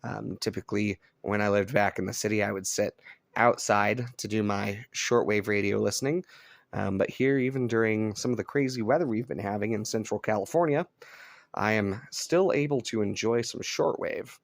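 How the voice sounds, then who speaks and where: This American radio hobbyist from Colorado has a creaky, fairly low voice and speaks at normal speed, giving casual vlog commentary from indoors at his rural home. Though captured on a cell phone, the recording is dry and of studio quality.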